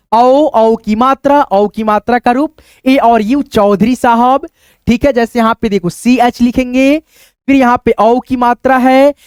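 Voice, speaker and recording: A man's voice: very high-pitched, clean tone, no echo. Patient male teacher, dry close sound. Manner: patient, repeats "ok" and "friends" as he goes; thinks aloud while writing on a board or screen. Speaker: English teacher. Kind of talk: step-by-step spelling lesson.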